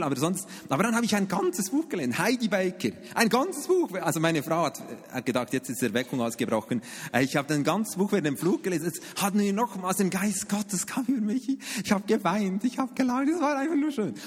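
Animated husky pastor preaching. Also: male voice, in a large hall. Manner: animated storytelling with sudden pitch jumps and asides. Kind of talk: sermon.

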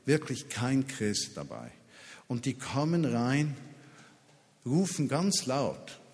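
Male preacher, mid-pitched, emphatic, repeats lines for effect, reverberant hall. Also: big pitch swings, slow pace, darkish tone. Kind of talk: sermon with personal stories. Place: large hall at a summer festival.

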